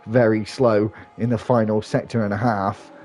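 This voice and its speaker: A man commentates live on an online sim race, his voice pitched on the low side and a little stuffy from hay fever. He keeps up a steady running flow at normal speed, with small restarts, while faint music plays behind him.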